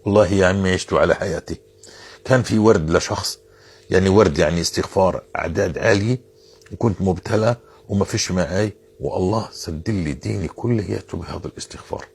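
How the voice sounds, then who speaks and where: Man, religious advice talk, earnest, repetitive, low voice, husky. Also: fast. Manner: earnest, insistent, repeats phrases for emphasis.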